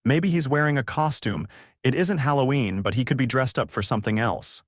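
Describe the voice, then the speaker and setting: A man's voice: mid-range voice, a little fast, no echo, clean studio sound, lightly acted. A man voicing a curious young boy who is incredulous and hesitant.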